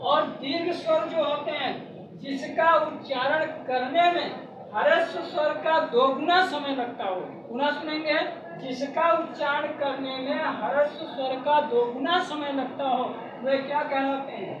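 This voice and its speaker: A woman teacher giving an exam-prep lesson, repeating key terms, addressing listeners as friends and drawing out vowels slowly. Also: high-pitched. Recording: echoey, distant, dull, noisy.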